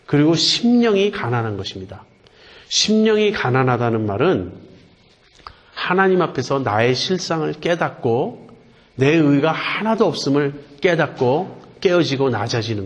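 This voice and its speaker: A male pastor preaching a sermon in an earnest way. He asks questions and answers them himself, and slows down to stress key words. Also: mid-range voice.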